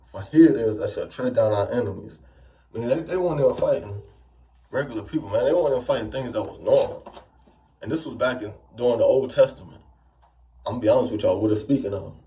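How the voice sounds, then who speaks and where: A man's voice: medium pitch, mellow, far from the mic, poor audio. A man giving an informal sermon, preaching in a conversational way and often asking "you see what I'm saying".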